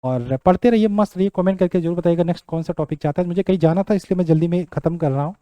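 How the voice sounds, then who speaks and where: A young male teacher runs an exam-prep lesson, saying each word again and again as he writes it out and checking in with his students. His voice sits high but mellow. The sound is dry, with no room echo. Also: rapid-fire, clean tone, highs cut off. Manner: repeats words while writing them out, checks in with "ठीक".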